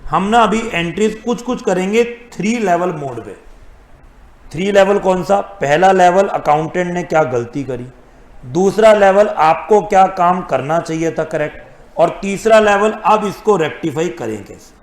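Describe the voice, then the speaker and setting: Male accounting teacher, slightly higher voice, quizzes the class and answers himself, roomy classroom sound. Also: lively intonation, measured pace. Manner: asks students questions and answers them himself; mixes English accounting terms into Hindi. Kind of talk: classroom lecture. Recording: echoey classroom.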